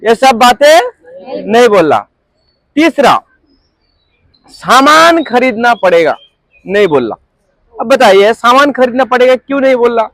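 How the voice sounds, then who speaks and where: A man runs a sales training seminar in a strikingly high voice. He keeps firing questions at the room and waits for the crowd to answer back. The sound is dry, with no room echo. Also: sing-song, unhurried, pauses often, fairly bright tone. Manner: quizzes the audience constantly, asks for call-and-response. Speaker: network marketing trainer. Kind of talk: interactive seminar talk. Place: training room with a group audience.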